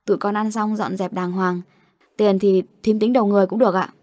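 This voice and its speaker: A woman's voice: mid-range voice, fairly even intonation, brisk, a little mellow, no echo, close to an everyday voice. A woman voicing an easygoing young man who guides his friends in an audio story. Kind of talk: storytelling narration.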